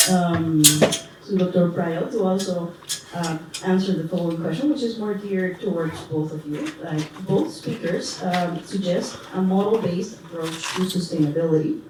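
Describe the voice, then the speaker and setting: A woman moderates a panel in a fairly low voice, putting questions hesitantly with many fillers. Her mic sounds distant in a very echoey hall. Clear background noise runs underneath. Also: normal speed.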